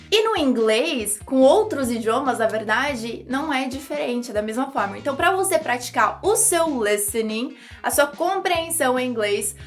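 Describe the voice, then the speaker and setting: A young woman from Brazil teaches English in a chatty, upbeat way, breaking into playful voices to act out examples. Her voice sits high, and faint music plays behind her. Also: fairly bright tone. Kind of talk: YouTube English lesson.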